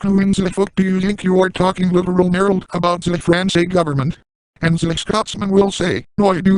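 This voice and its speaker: A man's voice: high-pitched, clear, resonant tone, no echo, natural voice, rough recording. A man voicing a crude, boastful grown man in a brash comic monologue.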